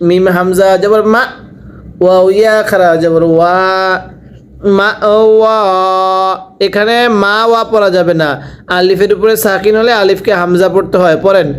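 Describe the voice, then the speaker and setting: A man with a Bangladeshi Bengali accent teaching Quran reading, spelling out each syllable and reciting slowly between quick explanations. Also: high-pitched, fairly even intonation, a little hiss or hum.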